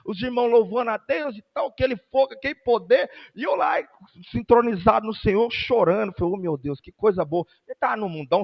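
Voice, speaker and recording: A man with a Brazilian Portuguese accent preaching a fervent sermon at a church service, moving between loud exhortation and hushed storytelling. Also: high-pitched, creaky, in a large hall, muffled recording. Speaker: pastor.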